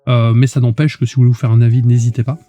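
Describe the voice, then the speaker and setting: A man's voice: medium pitch, little pitch movement, very fast, warm tone, no echo, muffled recording. A man co-hosting a podcast in casual chat, with a nasal, congested voice from illness, rambling with many fillers. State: sick, congested voice. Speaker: podcast co-host.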